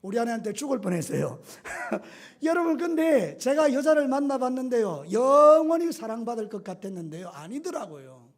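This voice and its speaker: A middle-aged male pastor preaching a sermon with animated storytelling, acting out scenes and voices. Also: very high voice, moderate pace.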